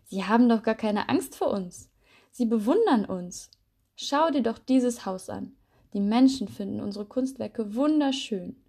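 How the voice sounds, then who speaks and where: Woman voicing a cheerful male spider artist, enthusiastic, mellow, storybook. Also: fairly high pitch, expressive, a little slow.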